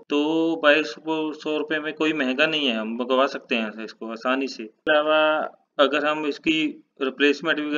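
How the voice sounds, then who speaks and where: A man giving a casual product review, chatty and loose, often tagging his sentences with a quick "okay". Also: mid-range voice, sharp tone, lo-fi sound, slight background noise. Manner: chatty, repeats "ठीक है" often. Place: room with tiled floor, indoors. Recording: echoey room, a bit far from mic.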